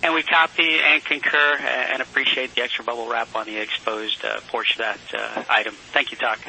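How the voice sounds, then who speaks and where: A man's voice: mid-range voice, level tone, fairly quick, creaky, pushed and bright. A man working as a mission control communicator, speaking in formal procedural calls and readbacks over a hissy space radio link. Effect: crackly space radio link.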